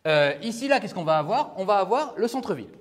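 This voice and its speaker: A law professor gives a university lecture in a reverberant hall, talking casually and putting questions to his class. His voice sits high, sing-song, and quick.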